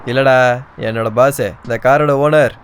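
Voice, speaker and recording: An actor dubbing a drunk male driver who talks gruffly and mocks others. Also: medium pitch, steady tone, normal speed, lightly acted. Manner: gruff and teasing. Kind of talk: Tamil film dub.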